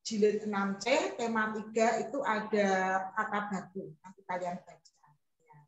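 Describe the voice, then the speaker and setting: A woman's voice: medium pitch, moderate pace. A woman primary school teacher, giving a chatty classroom lesson and acting out her pupils' lines. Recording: echoey room, voice from far off.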